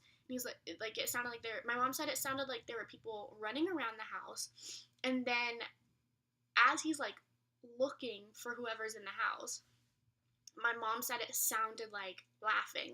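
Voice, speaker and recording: Heard through a distant mic, a young woman with a fairly high, sharp-toned voice shares a personal story vlog-style. She rambles in a colloquial way, corrects herself as she goes, and emphatically repeats phrases for effect.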